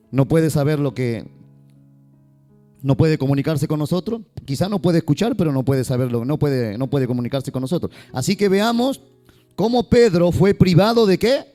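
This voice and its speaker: Male pastor, warm lively sermon delivery, faint guitar underneath. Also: a little high. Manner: lively, joking asides to the congregation.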